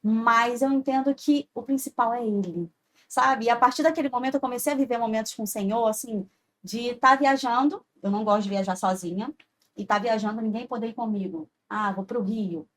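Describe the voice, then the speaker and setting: A woman's voice: a little high, a little fast. A woman, a podcast guest telling an earnest personal faith story and often checking in with "sabe?". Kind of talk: heartfelt personal testimony.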